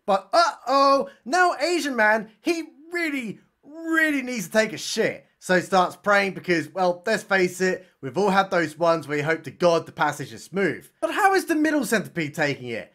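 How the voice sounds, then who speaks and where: A man's voice: high voice, fairly bright tone. Sarcastic guy recapping a film. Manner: irreverent, sarcastic, crude jokes. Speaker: film reviewer. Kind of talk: comedic film recap narration.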